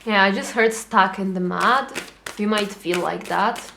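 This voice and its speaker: A chatty young woman talks through a tarot reading in a loose, animated way. She slips into quick little voices for the people she is reading for, then settles back into her everyday conversational tone. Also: mid-range voice, creaky, noisy background. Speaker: tarot reader. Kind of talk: casual tarot reading to camera.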